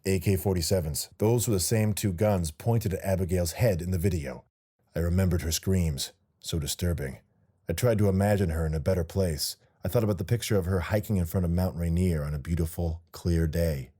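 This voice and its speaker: A man's voice: low-pitched, fairly quick, mellow, slightly rough. A man, the author, narrating his own audiobook in a wry first-person storytelling manner.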